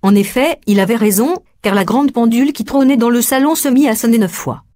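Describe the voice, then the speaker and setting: A woman narrating a story in an even, storytelling manner. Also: a little high, brisk.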